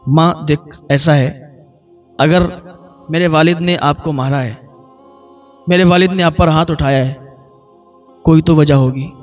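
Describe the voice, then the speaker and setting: A pious young scholar son speaks with soft, patient calm, voiced by a man in a sermon. His voice sits fairly high, and the dull lo-fi recording carries faint music. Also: long pauses, close to an everyday voice. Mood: gentle.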